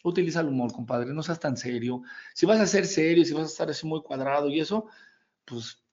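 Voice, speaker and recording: A man's voice: fairly high pitch, a little fast, a little mellow. A middle-aged man with a Mexican accent, giving a folksy, joking motivational coaching talk to network marketing teams. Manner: folksy and joking, calls the listener compadre. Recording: dull lo-fi recording.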